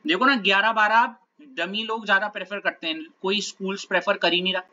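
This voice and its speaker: A man's voice: high-pitched, fairly even intonation, a little fast, pushed and bright, muffled recording. A male teacher giving a conversational classroom talk, often checking that his students are following. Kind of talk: classroom talk, lecture digression.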